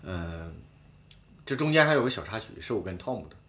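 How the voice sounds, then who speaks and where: A man casually telling a story from a bike race in a podcast chat, animated and swearing now and then. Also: fairly low pitch, brisk. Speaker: professional cyclist guest.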